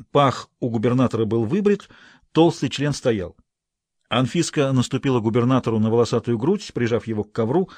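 A man reading fiction aloud as narrator with an expressive, dramatic delivery. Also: medium pitch, breathy edge, no room sound. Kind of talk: audiobook reading.

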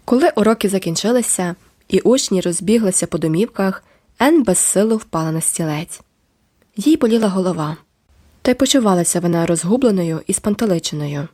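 A woman narrating a classic novel for an audiobook, with a mid-range voice. Her reading is measured and expressive, giving the scenes a steady, storytelling flow. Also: mid-range voice, no echo. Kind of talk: scripted literary narration.

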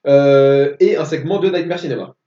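Methodical man reading facts, mellow voice. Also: on the high side, moderate pace. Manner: methodical, reads facts and dates. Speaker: podcast co-host. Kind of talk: casual film podcast chat. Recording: echoey room, distant dull mic.

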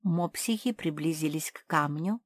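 A woman narrating a children's storybook in a calm, even reading voice. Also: low-pitched, normal speed, dry recording.

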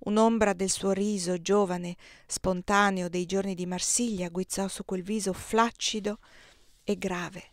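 A woman reading a first-person novel aloud as an audiobook, measured and steady. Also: medium pitch, no echo, studio quality. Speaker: audiobook reader.

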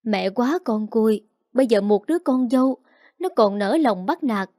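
A woman's voice: on the high side, animated, normal speed, dark tone, no echo, natural voice. Give me a woman playing an old woman wailing over her lot, lamenting and theatrical, dry and close. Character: wailing old mother-in-law, self-pitying.

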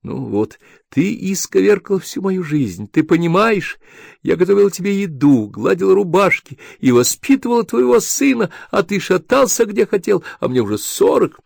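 A shrill, scolding wife in her forties, put on by a male reader, her voice pushed far up and loud. The audiobook recording is dry and close. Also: sing-song, normal speed, vocal fry, no room sound, exaggerated voice. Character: shrill furious middle-aged wife.

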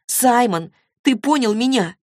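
Woman doing a young girl, impulsive, protective, pleading and indignant, raised higher voice, dry audiobook sound. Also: animated, a little slow, darkish tone, dry recording.

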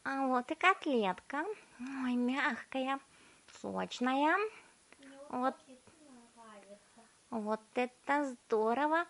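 Storybook brat voiced by a woman: shrill, stubborn, hums while chewing, high and slow, a bit off-mic. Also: a bit bright, heavily acted. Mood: bratty, greedy. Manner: shrill, demanding, smacking and humming while chewing. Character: spoiled bratty gum-chewing girl, loud and stubborn.

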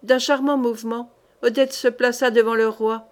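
A woman's voice: on the high side, fairly even intonation, normal speed. Woman reading a historical novel aloud. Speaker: audiobook reader. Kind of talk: audiobook narration.

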